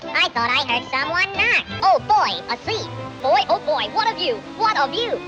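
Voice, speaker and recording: A manic wisecracking cartoon woodpecker guy, super high n bouncy, cocky, old cartoon audio w loud music. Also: very animated, normal speed, dull audio. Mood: excited, greedy. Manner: cocky, zany heckling.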